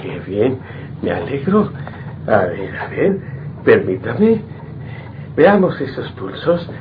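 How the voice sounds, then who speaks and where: An actor playing a kindly, jovial hospital doctor in a radio drama, reassuring and avuncular. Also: male voice, medium pitch, sing-song, slow. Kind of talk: old radio drama acting. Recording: dull, noisy old radio recording.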